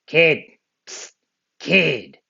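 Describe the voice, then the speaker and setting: A man voicing a mean, gruff cowboy outlaw with a drawl in a storybook reading, on a muffled lo-fi recording. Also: on the high side, lively intonation, very slow, bright, forceful tone, pitched above the performer's own voice, exaggerated voice. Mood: menacing.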